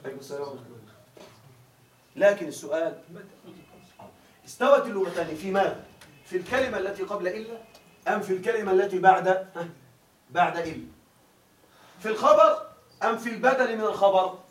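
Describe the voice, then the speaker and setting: High-voiced man lecturing a class. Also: fast, long pauses. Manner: keeps asking students if they follow. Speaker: grammar teacher. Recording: echoey room, voice from far off.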